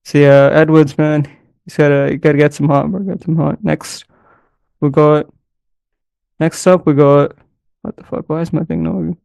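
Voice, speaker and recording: A man's voice: fairly high pitch, flat delivery, moderate pace, creaky, long pauses, darkish tone, no echo, clean studio sound. A man commentating casually on mixed martial arts, rambling and loose, with lots of slang fillers. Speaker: MMA commentator.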